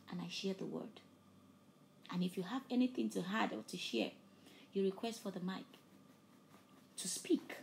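The audio is poor, with a little hiss or hum, as a medium-pitched woman preaches fervently, serving as preacher and host. Her sermon includes an altar call; a native Yoruba speaker, she builds to loud emphatic peaks, then drops to hushed near-whispers.

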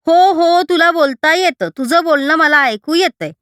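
A woman reading a story aloud, voicing a sharp-tongued older mother-in-law who grumbles and scolds. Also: very high-pitched, a little slow, no echo, clean studio sound, pitched above the performer's own voice. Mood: wry.

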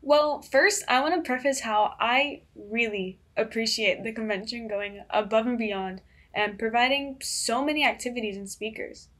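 A teenage girl talks as a guest on a student podcast, eager and a little rehearsed. Her voice sits somewhat high. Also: moderate pace, a bit bright. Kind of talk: podcast interview.

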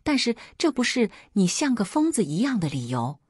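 A woman's voice: mid-range voice, sing-song, moderate pace, darkish tone, slightly rough, no echo, studio quality, voice pushed up. A woman voicing a grieving male emperor, speaking heavily and subdued. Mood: somber. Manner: heavy, subdued.

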